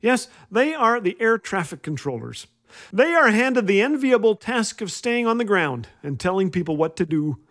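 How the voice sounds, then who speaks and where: With a high, sing-song, fairly bright voice at a moderate pace, a man hosts a humorous inspirational radio program. He tells scripted comic stories wryly and playfully, acting out the quoted lines.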